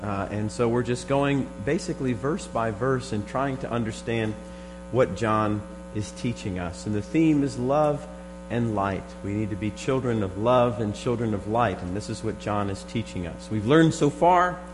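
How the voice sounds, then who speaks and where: A man with a hoarse, frog-in-the-throat voice teaches scripture verse by verse in a deliberate, emphatic sermon style. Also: lowish voice, music in the background, rough recording. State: hoarse, froggy voice from a strained throat. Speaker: preacher teaching a Bible study.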